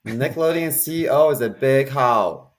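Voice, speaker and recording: A man's voice: medium pitch, expressive, normal speed. A man co-hosting a podcast, retelling cartoon memories in a rambling, joking way with crude humor. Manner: rambling storyteller, crude jokes. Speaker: podcast co-host. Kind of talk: casual chat.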